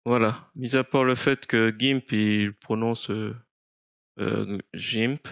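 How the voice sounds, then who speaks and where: A man narrating an unscripted software screencast, explaining step by step in a hesitant, halting way. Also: lowish voice, flat delivery, creaky, no echo, muffled recording. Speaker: software tutorial presenter.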